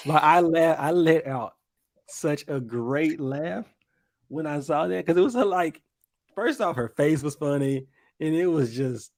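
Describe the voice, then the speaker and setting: A man from the American South with a Southern accent, co-hosting a podcast and recapping scenes in a relaxed, casual way. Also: on the high side, unhurried, no room sound. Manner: laid-back storytelling, recaps scenes with quoted lines. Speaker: podcast co-host. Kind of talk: casual chat.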